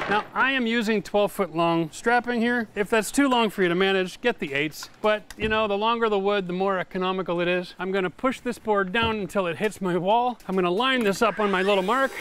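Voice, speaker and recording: A man's voice: high voice, fairly bright tone, a little hiss or hum. A man giving hands-on home renovation instruction, explaining energetically and talking straight to the viewer while he works in an unfinished basement.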